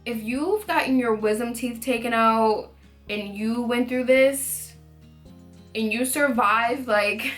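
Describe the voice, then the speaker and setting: A young woman with a slightly high-pitched voice chats to her viewers as she tells a personal story. She leans on key words and stretches them for dramatic effect. Faint music plays behind her. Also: slow pace, a bit bright. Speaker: vlogger telling a personal story.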